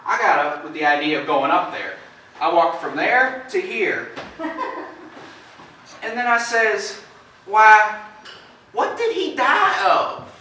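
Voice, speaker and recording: In an amateur stage play, a man plays a plain-spoken neighboring farmer telling of a shocking visit, shaken and very animated. His exaggerated voice is pushed and bright with swooping pitch, and he tells the story in a folksy, halting way, dramatizing the quotes. He's recorded from far off on an echoey indoor theatre stage with faint noise.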